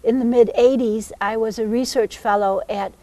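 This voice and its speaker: A woman's voice: on the high side, steady tone, normal speed, mellow, no echo. A woman author and historian answering interview questions in a composed, factual way.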